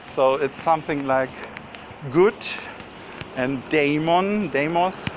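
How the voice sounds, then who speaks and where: Slow-talking man rambling outdoors. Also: on the high side. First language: German. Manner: slow, meandering, many fillers and restarts. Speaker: vlogger. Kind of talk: rambling spoken musing. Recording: loud outdoor noise, dull sound.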